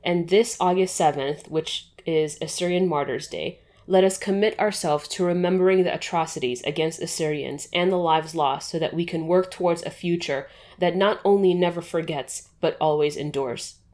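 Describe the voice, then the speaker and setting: A woman with a notably low voice hosts a podcast. She reads her introduction in a smooth, formal way, then talks more loosely as she asks questions. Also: normal speed, hardly any pauses, a little mellow. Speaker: podcast host. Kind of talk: scripted intro then interview.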